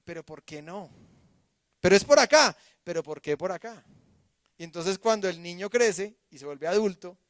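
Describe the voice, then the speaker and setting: Animated preacher man with a high voice. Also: dry recording, clean studio sound. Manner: animated, swings from loud to hushed; acts out quoted voices. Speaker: pastor. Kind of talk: sermon.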